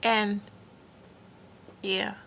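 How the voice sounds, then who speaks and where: Bright-voiced young-sounding woman chatting casually. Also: mid-range voice, flat delivery, very slow, gravelly. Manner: giggly, playful, informal. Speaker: podcast host and video vlogger. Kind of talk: casual vlog chat to camera.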